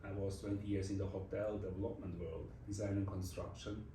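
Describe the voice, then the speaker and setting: Recorded from a distance off-mic, with roomy echo and slight background noise, a Swiss design executive in his forties sits as a guest in a casual interview. He reflects in English, his second language, with a Swiss German accent, non-native phrasing, and restarts, in a low, dark, level voice at a slightly fast pace.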